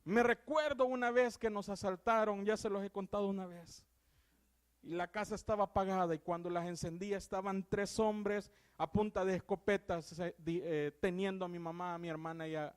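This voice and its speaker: High-voiced Salvadoran preacher, fervent and dramatic. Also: male voice. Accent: Salvadoran Spanish. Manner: swings from loud exclamations to hushed, earnest tones. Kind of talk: sermon.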